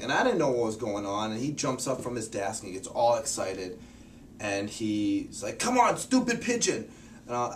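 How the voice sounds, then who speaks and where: A young man telling stories about his time abroad in a casual, animated way, acting out what others said. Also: fairly low pitch, far from the mic, a little hiss or hum. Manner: animated, acts out quoted voices. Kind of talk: casual storytelling.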